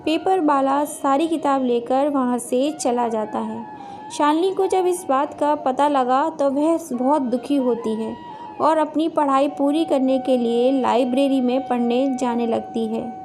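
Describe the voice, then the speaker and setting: A woman's voice: high-pitched, unhurried, darkish tone, soft background music. A woman narrating a family storybook tale in a plain storytelling manner.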